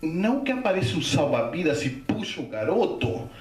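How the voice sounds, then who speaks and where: Animated male lecturer. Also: on the high side, moderate pace. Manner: animated, acts out voices with gasps and shouts. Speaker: Spiritist lecturer. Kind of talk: storytelling lecture. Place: lecture hall. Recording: echoey hall, from far off.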